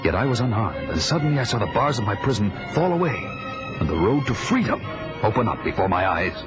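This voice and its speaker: A man's voice: on the low side, sing-song, fast talker. An actor playing a fierce, proud barbarian warrior who recounts his life in grandiose, theatrical audio-drama style. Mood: grand, brooding. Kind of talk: dramatic first-person narration, 1980s audio drama. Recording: dramatic music under the voice.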